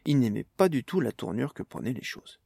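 A man reading a storybook aloud, steady and measured. His voice carries a gravelly texture and sounds dry and close, with no room around it. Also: mid-range voice, no echo. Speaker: narrator. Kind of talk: storybook narration.

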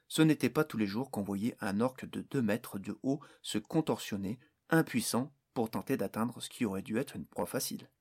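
Husky male audiobook narrator. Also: lowish voice, animated, moderate pace, few pauses, a little mellow. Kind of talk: scripted fantasy narration.

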